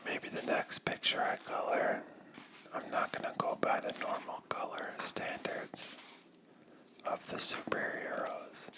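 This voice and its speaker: A YouTuber whispering softly and slowly into a close microphone while chatting through a coloring session, with pauses and drifting thoughts. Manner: soft unvoiced whisper, slow and drifting. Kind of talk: whispered ASMR coloring chat.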